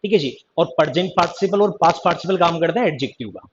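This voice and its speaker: Speaking very fast in a voice on the high side, this animated teacher runs a live grammar class online and talks slightly louder than normal. He teases the students, calls their attention back, and repeats "ध्यान देना" and "ठीक है जी" constantly, while his stream mic sounds dull and lo-fi with a little hiss or hum.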